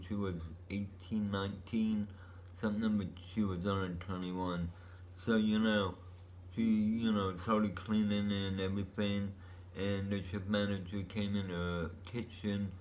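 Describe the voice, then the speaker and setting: A man's voice: lowish voice, a little hiss or hum. A man rambling casually as a vlogger, telling stories in a laid-back, meandering stoner-like drawl.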